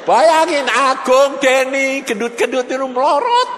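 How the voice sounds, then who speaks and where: A man in his seventies with a Javanese accent delivers a storytelling sermon at an unhurried pace, sinking into quiet asides before climbing to shouted declarations. The sound is big and roomy, with plenty of background noise.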